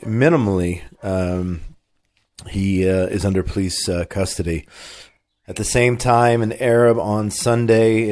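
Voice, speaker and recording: A man with a cold hosts a talk radio show, his fairly low-pitched voice carrying a darkish tone. Conversational and opinionated, he reads the news amid plenty of fillers and restarts.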